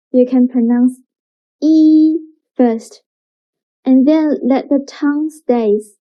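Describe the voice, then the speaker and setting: A woman teaching pronunciation in a slow, clearly enunciated lesson, modelling sounds patiently for learners to repeat. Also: sits high. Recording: dull lo-fi recording.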